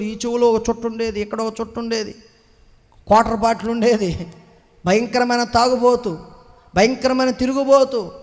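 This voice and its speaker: High-voiced man preaching in an echoey hall. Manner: impassioned, swinging from hushed recollection to loud exclamations; calls the congregation to clap and say amen. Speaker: preacher giving a personal testimony. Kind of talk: testimony sermon to a congregation. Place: church hall.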